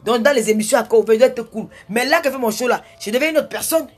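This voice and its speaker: A woman, loud and forceful, scolding her critics in a ranting live video. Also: a little high, quick pace, breathy edge, soft background music. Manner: combative, scolding, repetitive. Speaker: social media personality.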